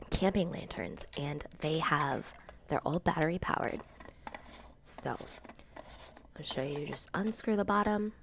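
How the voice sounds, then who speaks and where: Whispering low-voiced woman with a gravelly edge. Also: noisy background. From Florida, USA. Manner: whispering quietly throughout. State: sick, sniffly. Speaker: teacher and channel host. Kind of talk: casual how-to vlog. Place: at home in a dark room.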